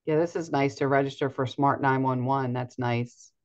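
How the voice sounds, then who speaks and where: A woman's voice: extremely low pitch, steady tone, moderate pace. A woman co-hosting a webinar, giving short helpful replies on a video call. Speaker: webinar co-host sharing screen. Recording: dull lo-fi webinar audio.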